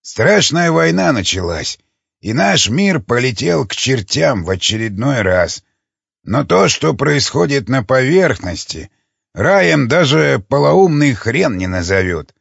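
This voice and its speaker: A man voicing an old, weary cannibal leader who speaks slowly and low, with a grumbling, fatherly tone. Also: sing-song, vocal fry, a bit bright, breathy edge, dry recording, full character voice. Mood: grave. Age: older. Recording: dull lo-fi dry recording.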